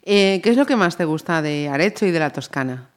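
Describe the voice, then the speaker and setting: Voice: mid-range voice, animated, fairly quick. An interviewer asking short questions and giving frequent acknowledgements in a casual interview.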